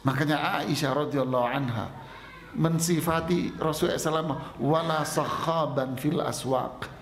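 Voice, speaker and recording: Gravelly-voiced preacher in echoey mosque. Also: male voice, on the high side, moderate pace. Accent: Indonesian. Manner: lively storytelling, acting out both sides of dialogues. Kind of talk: sermon.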